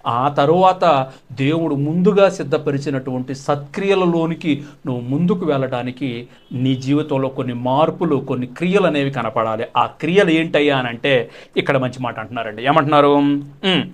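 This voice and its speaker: A man preaching a sermon, animated, asking his listeners questions and answering them himself. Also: a little high. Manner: animated, rising and slowing when reading scripture aloud. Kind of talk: Telugu sermon.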